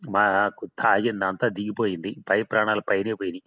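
Guy reading as a dead drunk laborer ghost, keeps swearing it's true, lowish voice, horror audiobook. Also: level tone, a little fast, bright, forceful tone. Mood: recounting.

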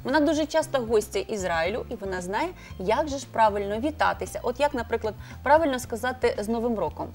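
A woman hosting a morning TV show, leading the conversation in a brisk, upbeat presenter manner. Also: fairly high pitch, expressive, a little mellow, soft background music.

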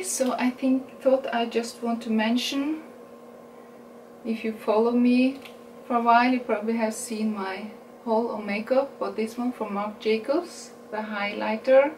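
A woman's fairly high voice comes from far off the camera mic, with roomy sound and a steady background hiss from a small indoor room. This Norwegian beauty vlogger in her forties talks through a makeup haul in accented English, relaxed and chatty, correcting herself and laughing at her own English.

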